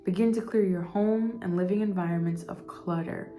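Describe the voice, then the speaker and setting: A woman's voice: lowish voice, fairly even intonation, normal speed, dark tone, faint music behind. A woman giving a casual spiritual card reading, meandering and repeating words as she goes. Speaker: intuitive card reader.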